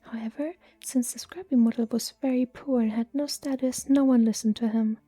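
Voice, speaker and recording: A woman reading a story aloud in a slow, hushed, even ASMR whisper. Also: on the high side, slightly rough, soft background music. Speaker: reader.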